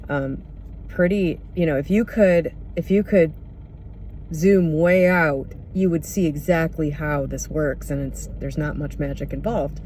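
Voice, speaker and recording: A person thinking out loud in a casual, reflective monologue, candid and often pausing to search for words. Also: medium pitch, slight background noise. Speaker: podcast or vlog host.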